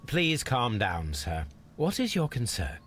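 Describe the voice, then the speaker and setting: A man's voice: medium pitch, huge pitch swings, measured pace, a bit bright, slight background noise. An actor playing a composed male detective who questions witnesses politely and formally in a video game. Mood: calm inquiry. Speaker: investigator.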